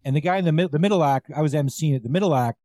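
A man's voice: fairly high pitch, rapid-fire, dark tone, no echo, studio quality. Man telling a comedy-club story. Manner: storytelling, acts out other people's voices. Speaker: comedian guest. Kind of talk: casual chat, anecdote.

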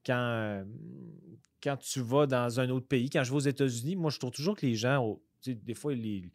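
As a comedian guest on a podcast, a man with a Québécois accent chats casually, rambling with many halting restarts. His voice is mid-range and a little mellow, recorded at studio quality with no echo.

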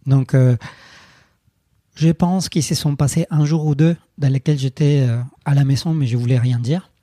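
Man in his 30s, guest storyteller, very dark husky tone, halting delivery. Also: medium pitch, fairly even intonation, no room sound, clean studio sound. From Colombia. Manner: halting, many restarts and fillers. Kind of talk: personal storytelling interview.

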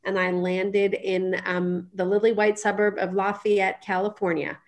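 Wry, casual middle-aged woman, marketing exec on a panel, mid-pitched voice. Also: flat delivery, unhurried. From Iran. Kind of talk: panel introduction.

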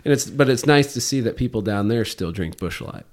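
A relaxed man with an ordinary middle-pitched voice, chatting on a podcast. He tells loose, rambling stories and laughs easily between lines. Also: brisk. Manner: rambling anecdotes with easy chuckles. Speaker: podcast guest, fishing guide. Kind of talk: casual storytelling chat.

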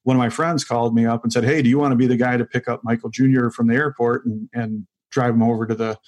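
A man in his forties, a comedian, telling his story in a casual interview, halting and full of fillers, laughing easily. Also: mid-range voice, fairly even intonation, darkish tone. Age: 40s. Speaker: guest comedian.

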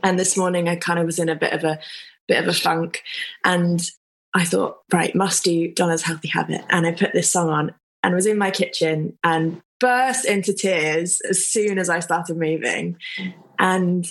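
A woman hosting a relaxed podcast chat, her voice sitting a little low. She talks openly and expressively, with the odd mild swear. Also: normal speed, rough recording. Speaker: podcast host, yoga teacher. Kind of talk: casual chat.

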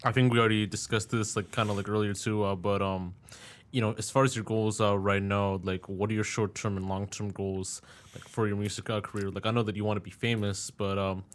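A young man hosts a casual podcast interview, his voice low and flat as he talks a little fast. He rambles laid-back through loose questions full of filler.

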